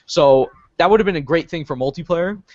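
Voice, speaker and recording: Brief: hesitant male podcast co-host, slightly high voice, dull recording. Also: brisk, darkish tone, no room sound. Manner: hesitant, rambling, many fillers. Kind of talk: casual gaming podcast chat.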